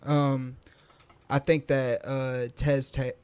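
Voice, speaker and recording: A man's voice: medium pitch, level tone, takes it slowly, clear, resonant tone. A man co-hosting a casual sports podcast, enthusiastic and playfully competitive about his picks. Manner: enthusiastic, one-upping banter. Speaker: podcast co-host.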